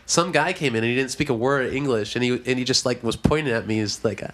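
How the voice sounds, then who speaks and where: A man's voice: medium pitch, quick pace, fairly bright tone. A man co-hosting a casual comedy podcast, telling rambling stories and laughing often.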